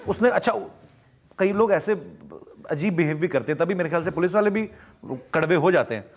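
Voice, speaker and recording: A young man from Punjab, telling animated anecdotes as an interview guest and acting out the people in them. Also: fairly high pitch, fairly quick. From Punjab, India. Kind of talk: storytelling answers in a TV interview.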